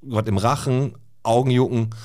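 A man's voice: mid-range voice, moderate pace, darkish tone. A man co-hosting a podcast in casual chat, rambling and laughing often. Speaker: podcast co-host.

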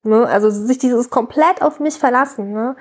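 Candid chatty woman, high voice. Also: normal speed. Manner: candid, frequent "ne?" tags, many restarts. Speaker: guest, mother of a colicky baby. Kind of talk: casual interview conversation.

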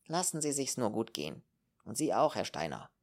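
A man voicing a brisk, gruffly kind middle-aged landlady in an audiobook. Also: lowish voice, very animated. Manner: brisk, commanding.

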